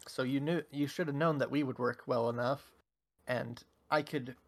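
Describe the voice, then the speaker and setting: A man's voice: mid-range voice, steady tone, normal speed. A man co-hosting a casual chat, teasing and a little theatrical. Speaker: channel co-host.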